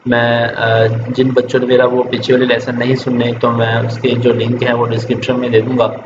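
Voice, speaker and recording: A man teaching a reading lesson to children online. He spells out syllables slowly, then explains patiently. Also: mid-range voice. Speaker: Quran teacher. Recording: echoey room, dull lo-fi sound with steady noise.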